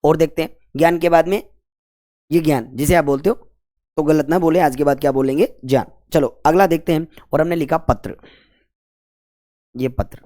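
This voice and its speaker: A man's voice: fairly high pitch, steady tone, normal speed, pauses often, mellow. A man teaching grammar, repeatedly asking and answering his own questions in a colloquial way. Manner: repetitive call-and-response questioning, colloquial 'apan'. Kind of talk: whiteboard grammar lesson.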